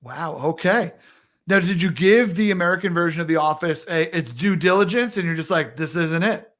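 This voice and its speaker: A male talk show host with a high voice, chatting casually on a live stream from home. He is upbeat and playful and laughs easily, like he is talking with a friend over a video call. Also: a little fast, a bit bright. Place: home in Minneapolis.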